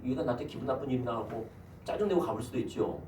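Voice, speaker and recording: A man's voice: mid-range voice, lively intonation, fast talker, a little mellow, a little hiss or hum. A man, the senior pastor, giving a Sunday sermon and putting rhetorical questions to his congregation. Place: church sanctuary. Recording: echoey church hall, mic at a distance.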